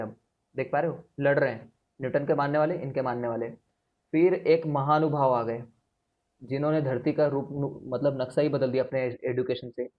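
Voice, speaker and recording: Chatty young male physics teacher, lo-fi. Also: mid-range voice. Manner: chatty, lively, mixes in English phrases. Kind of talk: classroom lecture.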